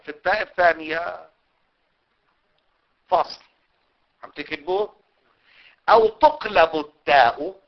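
A man with a Levantine Arabic accent teaching a religious studies class, dictating notes, drawing out key words and checking that his students follow. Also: a little high. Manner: explains slowly, checks understanding, stretches key words. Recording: dull lo-fi recording.

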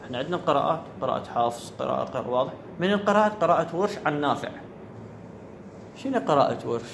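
A high-pitched man teaches a grammar class. He keeps asking whether the point is clear and repeats key words. Faint noise sits under the recording. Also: expressive, very fast. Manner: asks students questions and repeats key words. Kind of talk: classroom lecture.

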